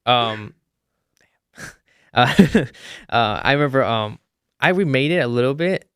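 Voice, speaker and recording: A man's voice: medium pitch, expressive, slow pace, a bit bright, clear, resonant tone, dry recording, clean studio sound. A young man in casual podcast chat, telling a story with lots of fillers and restarts. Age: young adult. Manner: rambling, many fillers and restarts.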